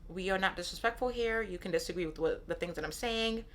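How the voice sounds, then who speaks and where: On her casual solo podcast, a woman in her thirties talks fast in a mid-range voice. Born in Nigeria and raised in Brooklyn, New York, she's candid, tends to repeat phrases and sprinkles in frequent "right?" asides.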